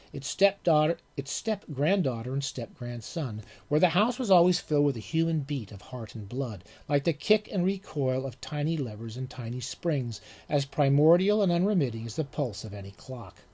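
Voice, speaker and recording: A man, an author, reading his own literary short story aloud with measured, deliberate delivery. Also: on the high side, mellow.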